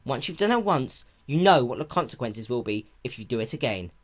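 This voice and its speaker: A performer voices a caring female pony in a story reading based on a cartoon, sounding soft, patient and reassuring, like a big sister. Her mid-range voice is sing-song and fairly quick.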